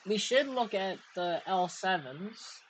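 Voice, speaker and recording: A woman's voice: mid-range voice, animated, takes it slowly, low-quality recording. A Canadian woman chats casually as host, thinking aloud with easy filler and a mid-range voice. There is a faint hum of noise behind her. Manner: chatty, laughs often, thinks aloud. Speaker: crypto mining streamer host. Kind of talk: casual chat.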